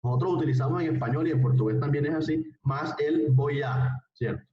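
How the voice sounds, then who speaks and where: A man's voice: fairly high pitch, brisk. Patient male teacher, distant and echoey. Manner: patient, repeats phrases, often checks understanding. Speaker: language teacher. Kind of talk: live online class lecture. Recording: roomy, distant, dull online-call recording.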